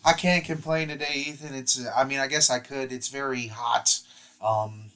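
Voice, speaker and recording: A man's voice: mid-range voice, steady tone, normal speed, a bit bright, clear, resonant tone. Rambling male sports podcast co-host. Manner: rambling, repeats words while restarting sentences. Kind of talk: casual sports podcast chat. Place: at home in Ohio, talking remotely. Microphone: remote podcast mic over the internet.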